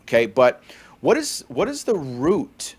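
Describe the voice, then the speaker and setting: This man in his forties from California co-hosts a faith-centered podcast. His voice is medium-pitched with wildly swooping intonation, a measured pace and a breathy edge. He talks conversationally, using lots of fillers and a frequent "okay?"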